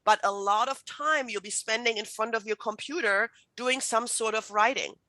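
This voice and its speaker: Her fairly high voice sounds pushed and bright at a moderate pace as this middle-aged German writing instructor, a native speaker of German, gives a chatty online writing workshop. She fills it with fillers and restarts, and the video-call audio has no room sound.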